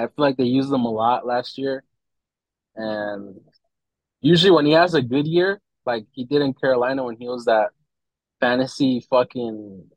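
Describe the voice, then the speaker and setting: Male podcast host, average pitch, opinionated sports talk in loose slang, very dry sound. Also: no room sound, rough recording. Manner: slangy, opinionated, says "bro" often. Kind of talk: casual sports chat.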